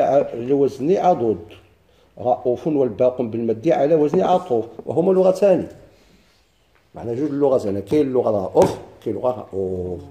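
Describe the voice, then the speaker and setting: A man with a Moroccan Arabic accent teaching a class on Quranic recitation, explaining step by step, chanting verses slowly and quizzing his students. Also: medium pitch, mellow. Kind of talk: classroom lesson on Quranic readings.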